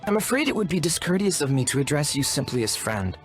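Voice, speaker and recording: A fast, slightly high, sing-song male voice brings the video game's young shaman apprentice to life. The character is courteous, wordy, earnest and deferential, speaking formally over music.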